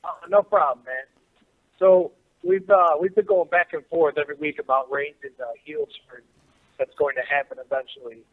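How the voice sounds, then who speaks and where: A man's voice: fairly high pitch, moderate pace. A man calling in to a talk show and chatting casually, with the phone held away from his mouth so his voice sounds faint. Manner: relaxed and loose, with fillers. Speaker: caller. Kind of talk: casual chat. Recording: tinny phone line.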